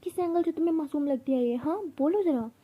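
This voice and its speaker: A woman's voice: high-pitched, fast talker, warm tone, pitched above the performer's own voice, natural voice. A woman voicing a hot-tempered young female senior student who talks in a sarcastic, explosive way. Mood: accusing.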